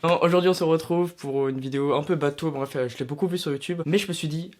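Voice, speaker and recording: Chatty young Frenchman, fairly high voice. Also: fast talker, darkish tone, a little hiss or hum. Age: young adult. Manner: chatty, addresses viewer as tu, self-mocking asides. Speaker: YouTuber recommending films and series. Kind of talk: casual vlog talking to camera.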